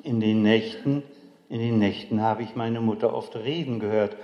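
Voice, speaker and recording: A man's voice: fairly low pitch, steady tone, normal speed. An older man tells a childhood memory in a solemn, reflective way. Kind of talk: memoir storytelling. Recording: dull, echoey hall recording.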